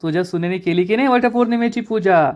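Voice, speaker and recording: A man voicing a nosy, quarrelsome village aunt who taunts with snappy retorts, in his own fairly high voice. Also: fast, close to an everyday voice. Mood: taunting.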